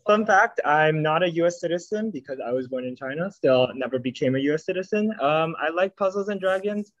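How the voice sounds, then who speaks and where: A man's voice: a little high, lively intonation, fairly quick, no room sound, dull audio. Wry young man, dry close sound. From San Jose, California. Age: young adult. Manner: wry, self-deprecating. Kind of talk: casual self-introduction.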